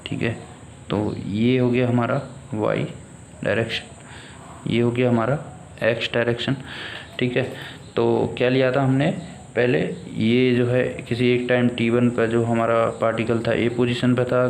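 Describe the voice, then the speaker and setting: A man's voice: medium pitch, gravelly. Male teacher in an echoey room. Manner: slow and deliberate, mixes in English terms, checks in with "okay, students". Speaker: physics teacher. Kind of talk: blackboard lesson explaining step by step. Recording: echoey room with faint noise.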